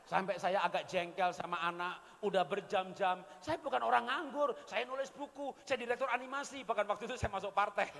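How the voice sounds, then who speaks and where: Middle-aged male seminar speaker, animated storyteller, reverberant hall. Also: high voice, fairly quick, gravelly, hardly any pauses, slight background noise. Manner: animated storytelling, acting out quotes. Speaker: parenting speaker. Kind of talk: motivational seminar talk. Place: large event hall.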